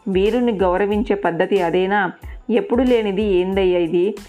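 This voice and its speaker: A woman's voice: medium pitch, normal speed, phone-quality sound, natural voice. A woman voicing a righteous elder king who rebukes his brother and mourns the fallen, in an earnest tone, with faint music behind. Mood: rebuking. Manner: scolding then lamenting, earnest.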